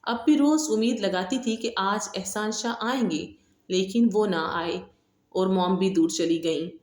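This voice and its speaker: A woman narrating a romance novel as an audiobook, with steady, dramatic storytelling. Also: mid-range voice. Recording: echoey room.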